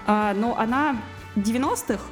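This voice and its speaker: A woman's voice: a little high, normal speed. A woman guest on a radio show, talking casually about music with lots of fillers and restarts. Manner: hesitant, many fillers and restarts.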